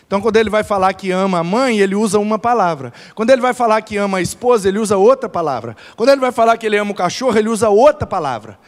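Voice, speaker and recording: High, lively male preacher in a hall. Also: racing, few pauses. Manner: animated storytelling with laughter. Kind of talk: lively church talk. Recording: echoey hall reverb.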